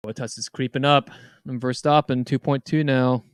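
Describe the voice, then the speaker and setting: A man's voice: medium pitch, steady tone, normal speed, clean tone, dry recording, clean studio sound. A man co-hosting a casual race-watching chat, jokey and calling out what happens on screen. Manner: jokey, calls the action on screen. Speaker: podcast co-host.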